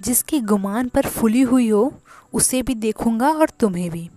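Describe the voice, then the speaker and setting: A woman's voice: on the high side, expressive, a little slow, dark tone, dry recording, faint music behind. A woman voicing a hot-tempered, rude young village man in a storybook reading, with a curt, scolding delivery. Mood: angry.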